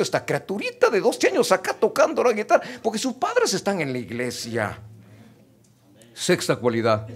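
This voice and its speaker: A man's voice: fairly high pitch, fairly bright tone. A middle-aged man, preaching a sermon and addressing the congregation directly and emphatically. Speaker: pastor.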